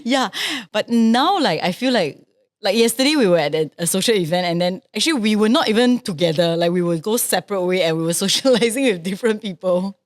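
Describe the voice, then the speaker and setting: A young adult woman co-hosting a podcast in casual chat, reflective and quick to murmur agreement. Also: mid-range voice, lively intonation, no echo, clean studio sound. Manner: reflective, backchannels often with soft agreement. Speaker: podcast co-host, singer.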